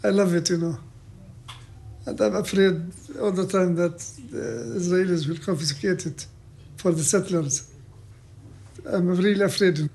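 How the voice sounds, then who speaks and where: An older man speaks English slowly and reflectively, pausing and circling back with fillers. His voice sits a little high for a man yet sounds mellow and warm. It is an interview, and his answers come in short, searching phrases. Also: gravelly, breathy edge. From Palestine. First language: Arabic. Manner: reflective, halting, with frequent fillers.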